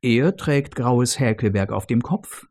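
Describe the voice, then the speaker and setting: Male narrator for audiobook fiction: husky, mellow and dark, with a very lively pitch. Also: measured pace. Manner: expressive, dramatic reading. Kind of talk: scripted story narration.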